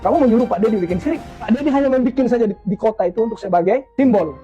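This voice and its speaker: A man's voice: extremely high pitch, expressive, rapid-fire, lo-fi sound, faint music behind. A man giving casual commentary, stammering and restarting, ending his points with a casual tag.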